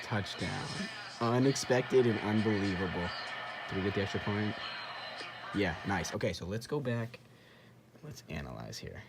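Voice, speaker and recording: Excitable man breaking down game footage. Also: fairly low pitch, moderate pace, pauses often, background noise. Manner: excitable, repeats himself, acts out quoted dialogue. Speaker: channel host. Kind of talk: casual commentary over game footage.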